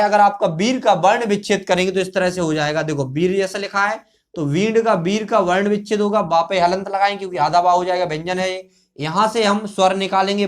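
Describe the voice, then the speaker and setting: A Hindi teacher giving a classroom-style grammar lesson at a board, talking patiently, repeating words, and answering their own questions. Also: mid-range voice. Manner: fills pauses with a checking "okay".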